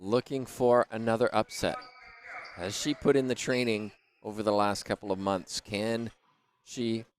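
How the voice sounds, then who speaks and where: A man hosting live racquet sport commentary, speaking in measured, deliberate phrases with pauses. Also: on the low side, steady tone. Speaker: sports commentator and broadcast host. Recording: faint background noise.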